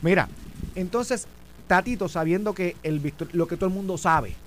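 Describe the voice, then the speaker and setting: A middle-aged man with a Puerto Rican accent hosting a political talk show, animated and argumentative. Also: high-pitched, moderate pace. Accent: Puerto Rican Spanish. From Puerto Rico. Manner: animated and argumentative, talks over his co-host. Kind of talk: political commentary chat. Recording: faint background hum.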